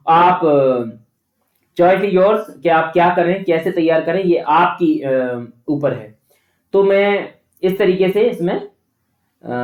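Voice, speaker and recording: A man's voice: fairly high pitch, roomy sound. A man teaching an exam-prep lecture, explaining step by step and often checking in with his listeners. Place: away from his usual studio.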